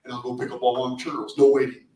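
A middle-aged man giving a casual talk to a small meetup in a meeting room, animated and restarting his phrases often. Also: mid-range voice, racing, a little hiss or hum. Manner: animated, repeats words, many restarts. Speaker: presenter at a meetup. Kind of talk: casual lecture to a small audience. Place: meeting room with projector screen. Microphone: far camera at back of room. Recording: echoey room from far off.

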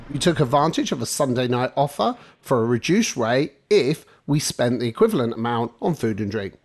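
A middle-aged man narrating a travel vlog voice-over, measured and guide-like, giving practical tips. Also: medium pitch, slight background noise. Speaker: travel vlogger.

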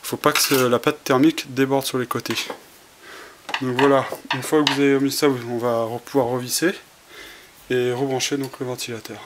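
A man's voice: medium pitch, flat delivery, moderate pace. A man giving a casual how-to demonstration, talking through each step with many fillers and restarts while he works with his hands. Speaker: tutorial presenter. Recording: faint hiss, home camera audio.

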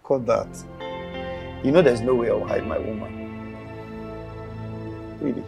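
An actor playing an earnest young Nigerian man in a film drama, with a husky, gravelly voice. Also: mid-range voice, slow pace, music in the background.

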